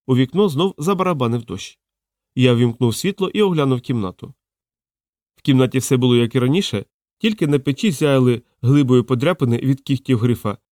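A man reading an audiobook aloud in a wry, lively storytelling manner, close to the mic. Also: mid-range voice, no room sound. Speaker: audiobook narrator.

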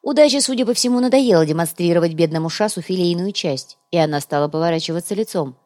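A woman narrating an audiobook with even, lightly ironic storytelling. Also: on the low side, fast talker. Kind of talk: scripted narration.

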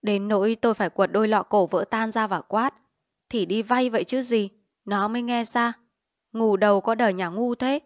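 A woman's voice: medium pitch, normal speed, dry recording, studio quality, natural voice. A woman reading as a scornful gossiping wife. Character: sharp-tongued young wife, scornful gossip.

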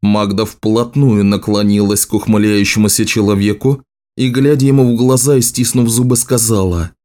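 Low, dark-voiced male audiobook narrator. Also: fairly even intonation, moderate pace. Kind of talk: scripted fantasy narration.

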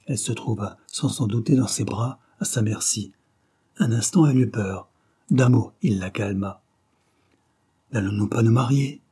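A man reading a classic novel aloud as an audiobook narrator, measured and dramatic. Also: lowish voice, dark tone, husky.

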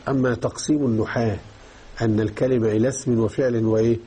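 A man teaches Islamic jurisprudence, explaining a text and repeatedly asking his students whether they're following along. His mid-range voice is warm and steady, and he talks fast over slight background noise.

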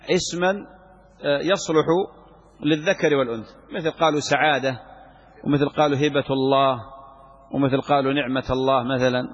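Husky man lecturing in a reverberant hall. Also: a little high. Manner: repeats key phrases for emphasis, asks and answers own questions. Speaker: sheikh teaching Islamic law. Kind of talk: classroom lecture explaining a legal text. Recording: muffled lo-fi recording in a reverberant hall.

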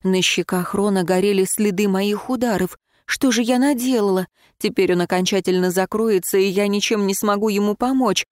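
A woman reading first-person fiction aloud in an expressive, emotional way. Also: mid-range voice, moderate pace, few pauses, no room sound, studio quality. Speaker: audiobook narrator.

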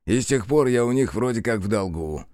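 A man's voice: medium pitch, big pitch swings, moderate pace, no room sound, studio quality, pitched above the performer's own voice, natural voice. A man voicing a guilty, fawning young detective who pleads and wheedles with his partner. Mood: pleading.

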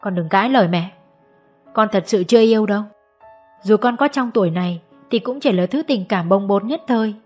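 A woman's voice: medium pitch, brisk, lightly acted. A woman voicing a stern but loving middle-aged mother in an audiobook, scolding at times and coaxing at others, over faint music. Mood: gentle coaxing. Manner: scolding, then soft and coaxing. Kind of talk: audiobook character voice.

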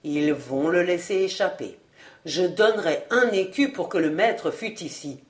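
A woman voicing a huge, burly, calm outlaw who speaks in a low grumbling murmur. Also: normal speed, lightly acted.

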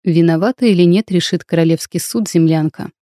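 A woman doing a low, calm dragon-man. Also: fairly quick, no echo, clean studio sound, lightly acted. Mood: calm, assured. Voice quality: low, pleasant, soft rumble. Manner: calm, assured, slightly mocking. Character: confident dragon-shifter man, calm and protective.

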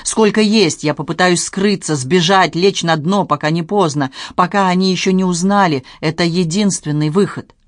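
An audiobook narrator voicing an angry, frightened grown son who shouts bitterly and pleads, in a dry recording. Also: mid-range voice, moderate pace, hardly any pauses, no room sound, natural voice. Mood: desperate. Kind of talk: dramatized audiobook reading.

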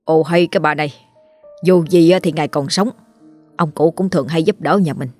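A woman's voice: low-pitched, steady tone, fairly quick, a little mellow, faint music behind, close to an everyday voice. A woman voicing a frightened middle-aged village husband who stammers when scared. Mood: earnest.

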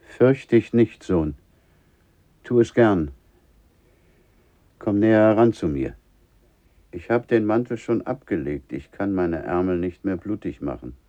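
Stern old father, low voice, very slow, insistent, radio play. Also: animated, mellow, highs cut off. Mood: solemn. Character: solemn old father leading his son to sacrifice. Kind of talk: vintage radio play acting.

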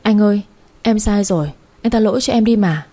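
A woman's voice: medium pitch, a little fast, warm tone, lightly acted. A woman reading the part of a remorseful sister-in-law who pleads tearfully in a spoken story. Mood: pleading.

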